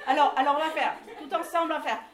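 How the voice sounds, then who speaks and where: A woman's voice: sits high, racing, very noisy. A woman leading a choir singing workshop, explaining technique with frequent laughs and short sung examples. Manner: lively, laughs often, sings examples. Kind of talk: vocal workshop instruction. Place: room with a group of singers. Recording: echoey room, from a distant mic.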